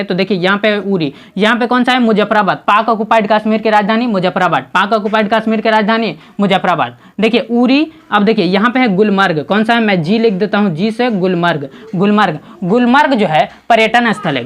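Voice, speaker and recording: A man's voice: high voice, a bit bright. A man teaches an exam-prep lesson while sketching a map. He poses a question, answers it himself and repeats the answer again and again so students remember it. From Bihar, India. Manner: asks quiz questions and answers them himself, drills by repeating.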